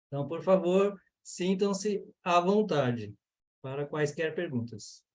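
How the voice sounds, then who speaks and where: A man's voice: fairly high pitch, slow pace. Brazilian man teaching on a video call. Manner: earnest, explanatory, with many fillers. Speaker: yoga and mantra teacher. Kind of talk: online lecture and Q&A.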